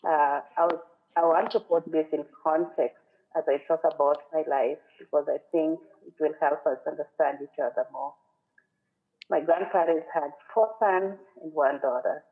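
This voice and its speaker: A woman from western Kenya, speaking with a Kenyan accent, gives an earnest, reflective sermon as a guest speaker at a church, quoting scripture and song lyrics. Her voice is deep and her pace moderate. The recording sounds narrow, like a phone.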